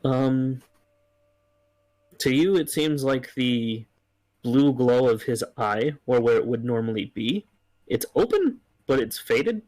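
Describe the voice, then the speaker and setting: A man narrating as game master of a tabletop game, slow and hesitant with frequent pauses. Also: medium pitch, lively intonation, a little mellow, no echo, rough recording.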